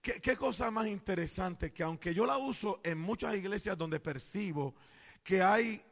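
Man from the Caribbean, preacher, high pitch, loud, playful, echoey church hall. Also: normal speed, creaky. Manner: loud, playful, jokes with the congregation. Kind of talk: sermon.

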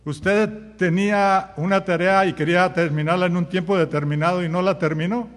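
A man's voice: high-pitched, fairly even intonation, moderate pace, big-room sound. A man preaching a sermon as pastor, firing rhetorical questions at the congregation and acting out common sayings. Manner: acts out everyday sayings in quoted voices.

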